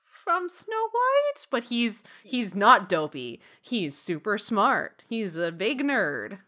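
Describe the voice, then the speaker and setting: A woman co-hosting a podcast in loose, chatty fashion, quick to laugh. Her bright voice is animated, rising and falling a lot. She talks at an unhurried, slow pace. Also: mid-range voice. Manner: expressive, laughs easily. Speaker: podcast co-host. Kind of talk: casual chat.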